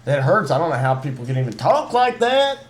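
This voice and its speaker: A man with a high, light voice hams up a thick Southern twang as he rants in an easygoing podcast chat. He is emphatic and folksy, leans on slang and stutters through restarts as he builds a point. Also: very animated, fairly quick, slight background noise. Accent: put-on Southern US twang. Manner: ranting, emphatic, repeats words, folksy slang. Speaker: podcast co-host. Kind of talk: casual opinionated chat.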